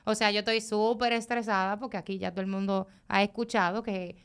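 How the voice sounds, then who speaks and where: A woman co-hosting a podcast, telling a story to her listeners in an animated, chatty way. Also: medium pitch, fairly quick, smooth. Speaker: podcast co-host. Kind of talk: casual chat.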